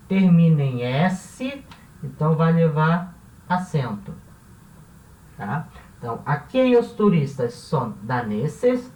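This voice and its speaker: A woman's voice: sits low, darkish tone. A woman who teaches a language lesson. She explains each step patiently and often checks in with the class. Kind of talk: classroom-style video lesson. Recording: roomy echo, voice from a distance off the mic.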